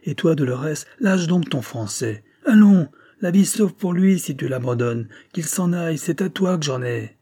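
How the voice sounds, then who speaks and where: A man reading an audiobook and voicing a brutal, mocking male bandit leader in a raised, louder voice. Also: on the high side, lively intonation, unhurried, few pauses, breathy edge, voice pushed up. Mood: threatening. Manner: taunting, mocking.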